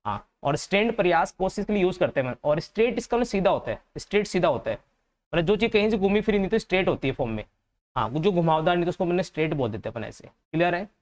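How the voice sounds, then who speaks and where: A man's voice: high voice, animated, very fast. A man with a Hindi accent teaching an English vocabulary class for exam students. He explains each answer patiently and says the key words and their meanings more than once.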